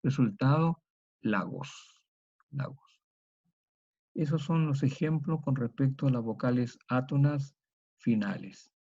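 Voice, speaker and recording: A middle-aged man lectures in a dark, mellow voice, moving through each point methodically and saying the key words twice. The recording is slightly dull and lo-fi. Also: medium pitch. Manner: methodical, repeats each example slowly. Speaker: teacher. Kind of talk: university lecture.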